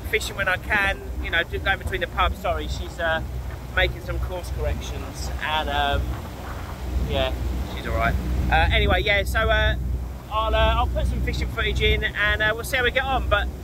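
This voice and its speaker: A middle-aged man giving casual vlog commentary as he fishes from a boat outdoors. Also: sits high. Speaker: angling vlogger. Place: outdoors on a small boat on open water. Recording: wind and boat noise outdoors.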